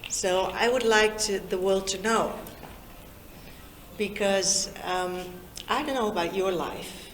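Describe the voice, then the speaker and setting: A Dutch-born woman in her fifties talks slowly and easily, pausing often as she speaks to a room full of young people. Her voice carries a roomy echo, with a faint hum of the room behind it. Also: mid-range voice. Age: 50s. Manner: slow, warm and chatty, draws in her listeners. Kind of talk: informal talk to young people. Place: meeting room in Lusaka.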